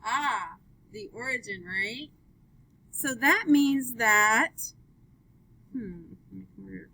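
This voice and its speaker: A woman's voice: fairly high pitch, expressive, slow, vocal fry, pushed and bright, low-quality recording. A woman teaching a math class, upbeat, asking students question after question as she works through graphs. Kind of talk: live classroom lesson.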